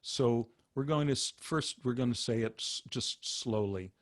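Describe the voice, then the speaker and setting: Guy teaching meditation, real slow and patient, dry close sound. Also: medium pitch, dry recording. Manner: unhurried, patient explaining. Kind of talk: instructional talk.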